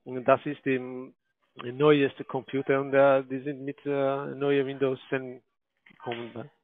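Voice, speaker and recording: A man who is not a native German speaker, talking haltingly on a phone call with many filler sounds and broken grammar. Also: medium pitch, level tone, dry recording. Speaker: scam call center agent. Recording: tinny dry phone line.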